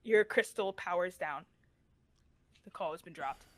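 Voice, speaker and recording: A woman's voice: fairly low pitch, unhurried, a bit bright. A woman narrating as the game master of a tabletop game, casual and giggly.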